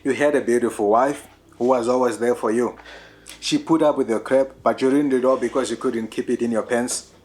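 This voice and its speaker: A man's voice: medium pitch, steady tone, brisk, a little mellow, lightly acted. A man with a Zimbabwean accent acting an anguished, self-accusing man going through divorce in a television drama. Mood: bitter reproach. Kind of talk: television drama acting, switching between Shona and English.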